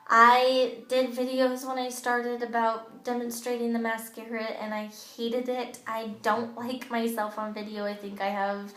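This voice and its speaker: Speaking a little slowly with hardly any pauses, a woman with a childish, fairly bright, slightly high voice and a level tone leads a chatty training talk for her makeup sales team. As a direct-sales team leader, she peppers it with ums and you-knows. An old smartphone in her home bathroom captures it with echo.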